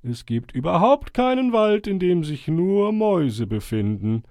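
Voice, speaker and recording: A man voicing a wise, friendly old male owl who chairs a forest meeting, speaking slowly and stately with hooting calls. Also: sits high, sing-song, a little mellow, no echo, clean studio sound, voice pushed up, exaggerated voice. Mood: explaining. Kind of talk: storybook character voice.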